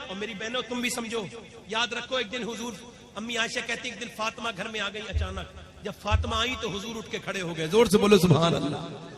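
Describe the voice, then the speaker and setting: A man delivers a fiery sermon at a live gathering, his voice pitched very high. He builds from steady storytelling to loud, impassioned shouts aimed at the listeners. The sound of a gathered crowd is clearly heard around him. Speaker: preacher. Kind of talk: Urdu religious sermon. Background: audible crowd.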